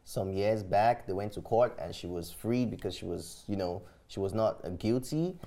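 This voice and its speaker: A woman co-hosts a casual panel chat in a very low voice. Her tone is dark and mellow. She talks in a playful, teasing way. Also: expressive, normal speed. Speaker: co-host.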